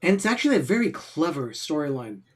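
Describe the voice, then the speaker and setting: A man's voice: fairly high pitch, very animated, quick pace, husky. Man earnestly explaining a movie plot. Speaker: co-host. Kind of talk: casual watch-party commentary.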